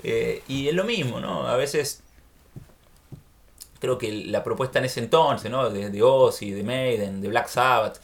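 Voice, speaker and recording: An Argentine man talks in a casual, reflective chat, laughing easily between thoughts. His voice sits at an ordinary middle pitch. He sounds unhurried. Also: vocal fry. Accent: Argentine Spanish.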